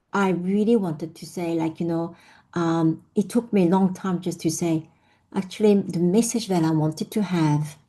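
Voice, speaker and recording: Her voice is on the low side and warm. Invited to speak at an online session, this middle-aged woman from France shares her personal story in a reflective way, her French accent noticeable amid many fillers and restarts.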